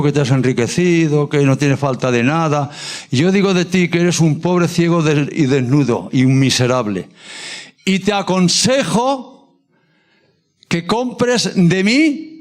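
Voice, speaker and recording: A man preaching a sermon in a church, fervent and improvised, drawing out the scripture lines he quotes and often restarting his sentences. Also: a little high. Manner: repeats words and restarts sentences as he speaks freely. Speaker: pastor.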